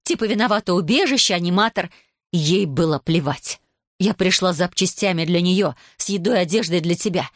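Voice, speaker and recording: A woman's voice: on the low side, a little fast, no echo, close to an everyday voice. A wounded older sister speaks in a bitter, accusing tone, as a woman reading the story voices her. It is a plain everyday voice, heard dry and close.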